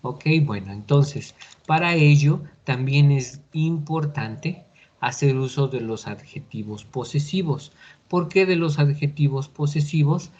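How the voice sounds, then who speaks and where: A man teaching an English grammar class in a patient, deliberate way, often checking in with listeners. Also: medium pitch, animated, a little mellow. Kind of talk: recorded online class explanation. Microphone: computer mic on a video call. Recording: dull lo-fi video call recording.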